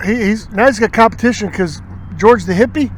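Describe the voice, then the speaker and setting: A man's voice: high-pitched, a little fast, slight background noise. A man hosting an outdoors show, telling rambling hunting stories and acting out what people said, recorded outdoors at a marina. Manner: rambling, animated storyteller acting out quotes. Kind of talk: casual storytelling chat.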